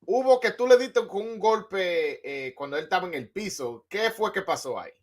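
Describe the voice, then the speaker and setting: A man's voice: sits high, expressive, moderate pace. A Dominican man interviewing a boxer, asking in Spanish and translating into English, with many fillers and restarts. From Dominican Republic. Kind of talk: bilingual interview with own translation.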